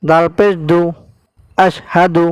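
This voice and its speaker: Man, Bangladeshi Bengali accent, high voice, slow syllable-by-syllable teaching, smooth and clear. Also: steady tone, no echo, lo-fi sound. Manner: spells out each syllable then blends it. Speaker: Quran recitation teacher. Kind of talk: slow spelled-out recitation lesson.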